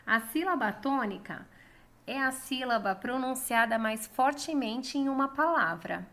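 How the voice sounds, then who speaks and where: Bright Brazilian woman teaching children. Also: high-pitched, expressive. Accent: Brazilian Portuguese. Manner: stretches words slowly for pupils. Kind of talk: recorded children's lesson.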